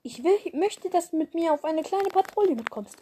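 A woman voicing a battle-hardened male cat who leads his clan, speaking in a gruff, commanding way. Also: extremely high pitch, expressive, normal speed, warm tone, a little hiss or hum, voice pushed up.

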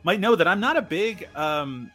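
Man from Newfoundland, slightly higher voice. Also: animated, moderate pace, fairly bright tone. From Newfoundland, Canada. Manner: jokey, chuckling talker. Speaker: podcast guest. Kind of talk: casual film discussion.

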